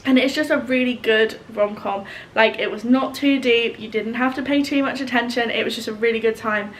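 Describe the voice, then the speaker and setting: A woman's voice: on the high side, fairly even intonation, fairly quick, a little hiss or hum. A woman, chatting casually in a vlog, rambling and a little woozy after being ill. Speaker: vlogger.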